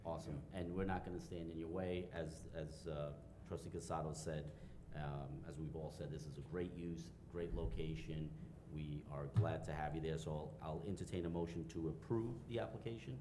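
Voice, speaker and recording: Deep-voiced mayor in an echoey chamber. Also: male voice, a little fast. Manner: relaxed, joking, friendly. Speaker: village mayor chairing a public hearing. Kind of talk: public hearing chairing. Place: village hall meeting room. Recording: echoey council chamber mic with noise.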